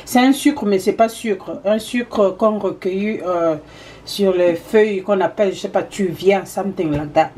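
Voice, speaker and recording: A woman's voice: medium pitch, measured pace, mellow. A woman telling a personal anecdote in a casual way, with many hesitations and repeated words, now and then slipping into English phrases. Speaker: storyteller addressing viewers.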